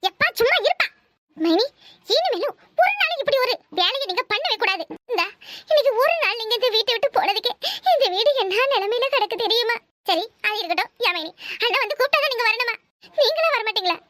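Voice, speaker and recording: A woman's voice: very high-pitched, expressive, bright, forceful tone, no echo, studio quality, heavily acted. A woman voicing a scheming, bossy young married woman in a cartoon, talking with a Kanyakumari Tamil accent. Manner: bossy, scolding, fast chatter. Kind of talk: cartoon voice acting.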